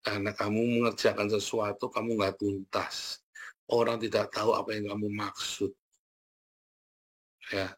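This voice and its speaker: A man preaching a sermon as pastor, animated and laughing, talking directly to his listeners. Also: on the low side, measured pace, long pauses. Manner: animated, laughing, talks to the congregation as "saudara".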